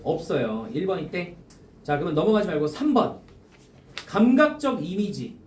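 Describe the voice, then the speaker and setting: A male teacher walks a classroom through exam questions, quizzing the students and repeating the key phrases. His pitch swings widely as he talks. He is picked up from a distance in an echoey classroom with faint background noise. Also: big pitch swings, normal speed. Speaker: high school teacher. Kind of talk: classroom lecture going over exam questions.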